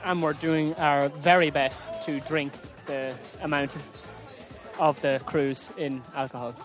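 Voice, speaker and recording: A man's voice: fairly high pitch, fairly even intonation, a little slow, faint music behind. A man co-hosting a travel vlog outdoors on a river boat, talking in an easygoing, playful way. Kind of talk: casual travel chat.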